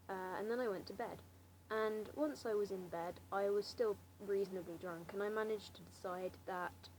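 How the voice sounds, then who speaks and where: A woman's voice: mid-range voice, darkish tone, a little hiss or hum, poor audio. A young woman in her late teens with a southern English accent, chatting casually in a hesitant, self-deprecating, wry way. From Slough, England. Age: late teens, seventeen. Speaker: amateur vlogger answering a challenge. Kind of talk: casual rambling chat to camera.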